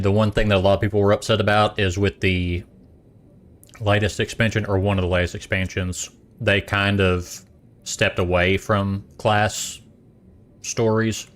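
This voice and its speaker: A man's voice: low voice, fairly bright tone. A young adult man casually chatting while streaming a game, rambling and eating as he talks. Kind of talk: casual gaming stream chat.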